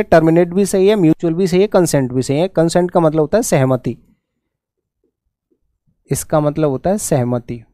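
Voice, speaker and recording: A man with a Hindi accent runs a brisk exam-prep English lesson, urging students to answer quickly. His voice sits high and sounds smooth and clear. It is recorded dry and close, with no room sound. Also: dark tone, no echo. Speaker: English teacher.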